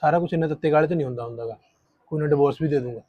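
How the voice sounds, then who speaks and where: A man playing a callous fast-talking husband. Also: fairly high pitch, no echo, lightly acted. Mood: offhand. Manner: offhand, sweet-talking to new wife. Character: callous young husband, dismissive of first wife. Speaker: husband with a second wife. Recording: dry, tinny phone-like sound.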